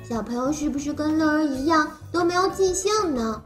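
Casting: tiny chirpy cartoon creature, child-like and high, encouraging phonics teacher speaking as if reading to a toddler, music behind. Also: female voice, animated, normal speed. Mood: eager, encouraging. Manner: simple, exaggerated, encouraging talk, as if reading to a toddler. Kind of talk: animated lesson for small children.

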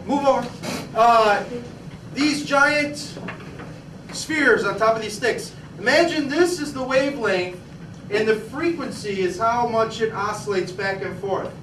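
A man's voice: very high voice, a little slow. Male teacher, classroom demo, questioning manner; distant mic, noisy room. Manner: lively, questioning, repeats words. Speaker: physics teacher. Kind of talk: classroom demonstration. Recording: echoey classroom, distant mic, background noise.

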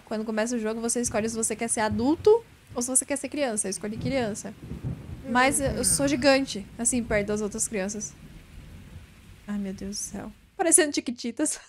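A young woman doing casual let's-play commentary, laughing nervously and shouting when startled. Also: a little high, normal speed, a little hiss or hum. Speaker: gaming streamer.

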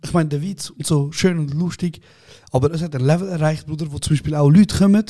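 A man co-hosting a casual podcast, telling animated, slangy anecdotes and laughing often. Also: fairly high pitch, fast. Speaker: podcast co-host. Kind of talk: casual chat, storytelling.

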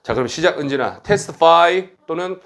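A man's voice: on the high side, expressive, creaky, fairly bright tone. Middle-aged guy teaching grammar in class, teases students, keeps asking "right?", voice jumps all over. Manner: brisk, blunt, teasing students, frequent tag questions. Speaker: academy director and English teacher.

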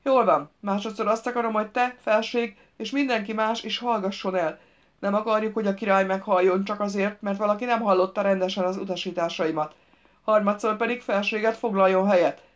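A woman reading an audiobook, voicing a hard, menacing male thief who shouts threatening commands in a raised voice. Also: mid-range voice, fairly even intonation, dull audio, close to an everyday voice.

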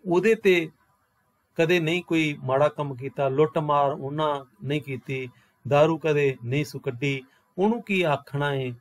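A man's voice: a little high, unhurried, close to an everyday voice. A man reading aloud the part of an anxious, earnest village housewife. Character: worried village housewife, middle-aged woman.

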